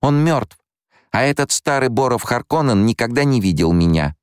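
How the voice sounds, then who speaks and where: A man's voice: medium pitch, expressive, normal speed, a little mellow, clear, resonant tone, dry recording, clean studio sound, voice pushed up, natural voice. A man voicing a bold, defiant little girl in an audiobook, cheeky and taunting.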